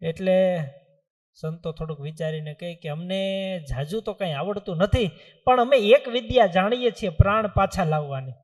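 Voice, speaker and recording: A man, a swami, gives a storytelling sermon, acting out villagers in raised, animated tones. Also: sits high, moderate pace. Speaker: swami giving a religious discourse. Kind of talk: storytelling sermon with acted voices. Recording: long hall reverb.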